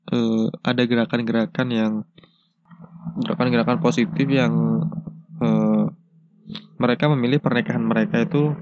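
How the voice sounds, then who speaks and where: Stuffy-nosed man, flat halting podcast talk. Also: medium pitch, vocal fry, dry recording. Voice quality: stuffy, congested nose from a cold. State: has a cold with a blocked nose. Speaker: podcast host. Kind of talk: casual solo podcast talk. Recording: dull lo-fi, dry sound.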